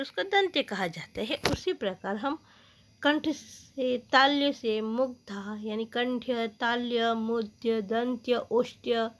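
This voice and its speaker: A woman teaching a school grammar lesson, reading out letters and words slowly and saying each one twice. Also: a little high, fairly bright tone, a little hiss or hum. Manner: slow, deliberate, repeats each word twice.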